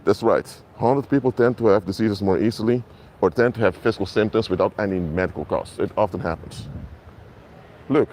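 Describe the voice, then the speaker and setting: Outdoors in an urban area, a minister streams live on his mobile phone, preaching earnestly and repetitively while speaking straight to his viewers. His first languages are Papiamento and Dutch, his voice is lowish with a darkish tone, and a little hiss or hum is audible.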